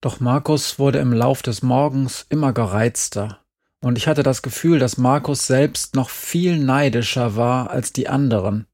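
A man's voice: mid-range voice, a little slow, darkish tone. A man reading a first-person story aloud in a dry, understated way. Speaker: narrator.

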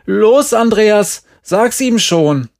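A man doing a shrill, furious little boy. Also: expressive, very slow, gravelly, exaggerated voice. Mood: shouting, upset. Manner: shrill, pleading shouts. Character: anxious, angry little boy in kindergarten.

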